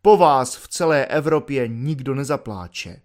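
A man's voice: medium pitch, animated, a little mellow, lightly acted. A man doing a sardonic wordy army volunteer. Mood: mocking. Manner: mock-soothing, wordy, ironic lecturing.

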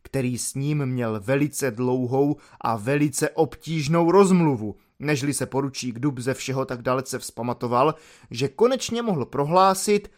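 A man narrating a novel as an audiobook in a lively, expressive storytelling manner. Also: medium pitch.

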